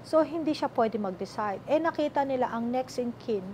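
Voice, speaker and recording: A middle-aged Filipino woman with a Filipino accent, telling her story as an interview guest, animated and acting out the voices she quotes. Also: sits high, normal speed, a little hiss or hum. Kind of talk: emotional sit-down interview.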